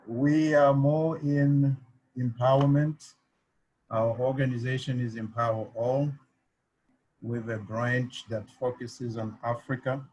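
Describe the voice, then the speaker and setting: A man's voice: medium pitch, steady tone, takes it slowly, darkish tone, muffled recording, a little hiss or hum. A man from the Congo speaking in an online meeting, with many hesitant fillers. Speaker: meeting participant. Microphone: video call.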